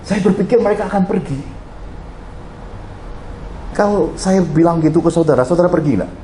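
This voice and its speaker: A man's voice: high-pitched, normal speed, slight background noise. A middle-aged man, preaching a sermon and telling stories to his congregation, often speaking to them directly. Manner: animated storytelling, addressing the congregation directly. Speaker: pastor. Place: church hall. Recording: roomy church hall echo.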